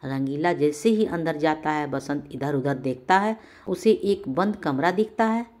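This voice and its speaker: A woman storyteller narrating a bedtime story in a calm, even manner. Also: low-pitched, unhurried.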